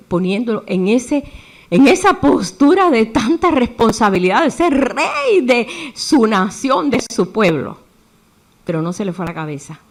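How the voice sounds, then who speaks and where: A woman preaching a sermon in a lively way, acting out the voices she quotes. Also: a little high.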